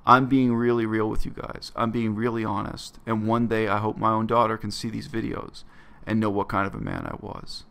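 A man's voice: on the low side, level tone, normal speed, creaky, hardly any pauses, fairly bright tone. A man, talking earnestly and bluntly to his webcam in a small bedroom. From Canada. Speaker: vlogger. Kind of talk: reflective personal monologue to camera.

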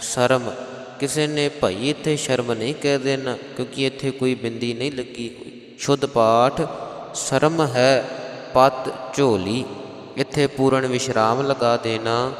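A man teaching correct scripture pronunciation, chanting verses slowly and then explaining them in quick spoken asides. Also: medium pitch, steady tone, echoey room, long reverb tail. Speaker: Sikh scripture recitation teacher.

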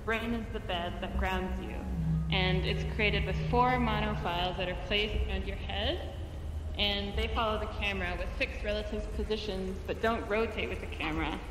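A woman speaks as a sound designer giving a talk, explaining her points calmly and pausing on the occasional filler. Her voice sits at a middle pitch. It carries a long, roomy reverb, as if heard in a large hall, with a faint ambience underneath. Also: background noise. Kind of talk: presentation talk. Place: virtual museum space.

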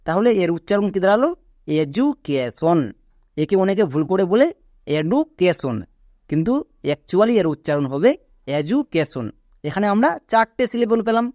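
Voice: medium pitch, a little mellow, no echo, clean studio sound. A teacher, giving an online grammar lesson step by step and quizzing the viewer with questions. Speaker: English teacher.

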